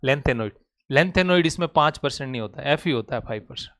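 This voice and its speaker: A male teacher giving a classroom lecture, firing quick questions at his students and coaxing answers out of them with a familiar, urging manner. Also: medium pitch, animated, a bit bright. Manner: drills students with rapid questions; coaxing, calls students "beta".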